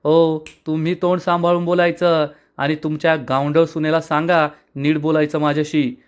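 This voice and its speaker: Man voicing a haughty young bride, snapping, scornful, quick, fairly high pitch. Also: little pitch movement, smooth, lightly acted. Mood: angry. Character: arrogant young woman, elder daughter-in-law.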